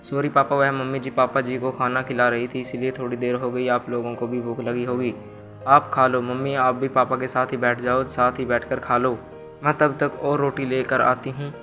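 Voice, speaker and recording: A man voicing a caring young married daughter in a storybook tale, read in an even, flat manner. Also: mid-range voice, moderate pace, natural voice. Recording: music bed underneath. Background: music.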